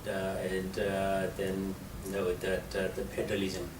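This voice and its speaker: A middle-aged man from Nepal with a Nepali accent, answering interview questions in a halting way with many fillers. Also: low voice, completely flat delivery. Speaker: interviewee, geography professor. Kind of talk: conversational interview. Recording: roomy and distant, with loud background noise.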